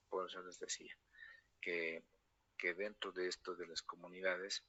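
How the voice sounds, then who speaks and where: A man's voice: on the low side, vocal fry, bright, forceful tone, breathy edge, highs cut off. A man with a La Paz Bolivian accent giving a spoken university lecture, tagging nearly every phrase with a question to his students. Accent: Bolivian Spanish, La Paz. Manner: tag questions after nearly every phrase, storytelling asides.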